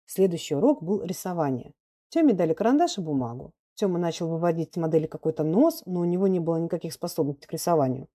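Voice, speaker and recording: A woman reads a classic story aloud at a calm, measured pace. Her voice sits low and sounds mellow and warm. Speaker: narrator. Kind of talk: audiobook reading of classic prose.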